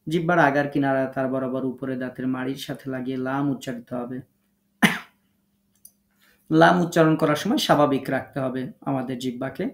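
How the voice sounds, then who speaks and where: A man's voice: medium pitch, reverberant. A man teaching an online class on how letters are pronounced, explaining patiently and step by step. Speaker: Quran recitation teacher.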